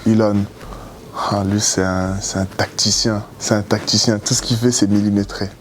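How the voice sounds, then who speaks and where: Young man, low voice, rambling and easygoing. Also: moderate pace, slight background noise. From Cameroon. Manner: relaxed, rambling, many fillers and repeated words. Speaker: former reality show contestant. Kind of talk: casual interview answers.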